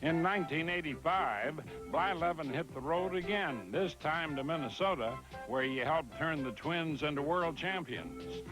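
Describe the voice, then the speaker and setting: A man's voice: on the high side, animated, rough recording. Male sports-feature narrator over music. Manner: measured, punchy delivery. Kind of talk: scripted narration.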